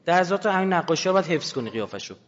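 A man's voice: on the high side, big pitch swings. A man giving a lecture to an audience, emphatic and full of rhetorical questions. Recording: reverberant hall, dull lo-fi sound.

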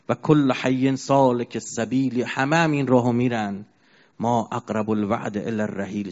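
A man preaching a mourning sermon, telling a sad story as a grieving storyteller who chants verses slowly. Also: medium pitch, a little mellow. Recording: dull lo-fi recording.

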